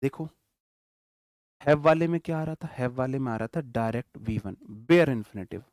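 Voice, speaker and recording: A man's voice: mid-range voice, normal speed, a little mellow, dry recording, studio quality. A man giving an online English grammar lesson, dictating example sentences word by word and checking in often with the class. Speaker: English teacher.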